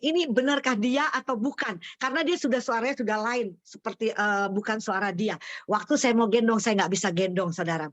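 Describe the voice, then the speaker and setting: A woman pastor with an Indonesian accent, giving a testimony sermon and calling her listeners "brothers and sisters" again and again, voicing the quoted prayers with fervor. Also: dry recording. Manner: addresses the congregation as "saudara" again and again; animated, acting out quoted prayers at a higher pitch.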